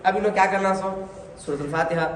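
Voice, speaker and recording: High-voiced man teaching in an echoey hall. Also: quick pace. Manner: demonstrating, correcting and coaxing learners. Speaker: religious teacher. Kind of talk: hands-on prayer instruction. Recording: echoey hall, faint noise.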